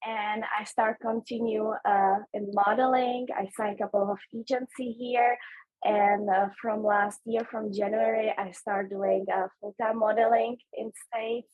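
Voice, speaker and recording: A young woman in her twenties from the Czech Republic, speaking English with a Czech accent in halting, friendly interview answers and laughing often. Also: fairly high pitch, a little mellow, no room sound, low-quality recording. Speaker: guest, model and actress.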